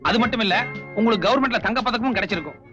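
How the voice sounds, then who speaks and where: An actor playing a confident, wry thief in a film, talking in a chatty way. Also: male voice, high voice, rapid-fire, close to an everyday voice. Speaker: thief turned helper. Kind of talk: film dialogue. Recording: dull lo-fi film audio with music.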